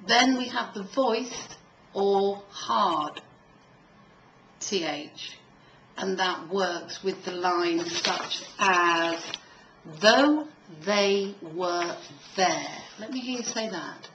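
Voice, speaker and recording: A woman's voice: mid-range voice, slow, a bit bright, dull audio. A woman teaching a one-to-one pronunciation lesson, giving instructions, demonstrating sounds and prompting with questions. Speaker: elocution teacher. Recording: echoey room with faint background noise.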